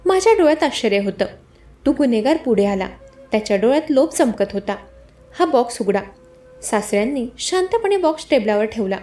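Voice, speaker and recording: A woman narrating a scripted first-person story in a steady, dramatic storytelling manner. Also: fairly high pitch, fairly quick, faint music behind.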